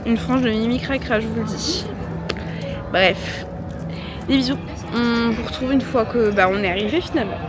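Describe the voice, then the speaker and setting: With loud music behind her, a young travel vlogger chats to camera in a noisy airport, tired, joking and slangy, with lots of fillers. Her voice is fairly high, her pace moderate, and she leaves long pauses.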